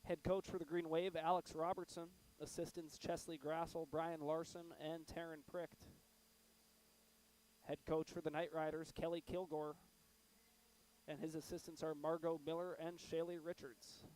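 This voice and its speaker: Hoarse man calling in a monotone. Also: on the high side, normal speed, poor audio. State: sore throat. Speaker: play-by-play announcer. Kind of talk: live sports broadcast. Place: arena broadcast booth.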